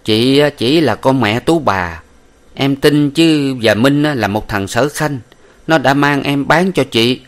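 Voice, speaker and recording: A man voicing a shrewd, smooth-talking brothel madam in an audiobook, coaxing and sweet. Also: mid-range voice, takes it slowly, voice pushed up, lightly acted. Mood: blunt. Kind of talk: audiobook character voice.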